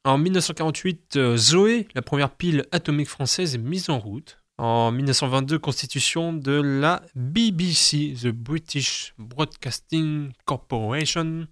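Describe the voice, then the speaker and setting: A man's voice: fairly high pitch, normal speed, few pauses, fairly bright tone, no echo, clean studio sound. A young man hosting a casual reading of the day's almanac, chatty and self-mocking, often stumbling over his words. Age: young adult. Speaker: host.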